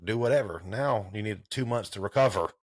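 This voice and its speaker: A man's voice: fairly low pitch, a little fast, no echo. A man in his thirties hosting a casual sports podcast, rambling and swearing in a laid-back way. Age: 30s. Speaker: podcast host.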